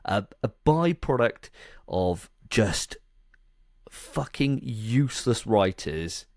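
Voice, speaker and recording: A man's voice: fairly low pitch, animated, slow, no room sound, clean studio sound. A man hosting a casual movie review chat, blunt, sarcastic and sweary. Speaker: podcast host.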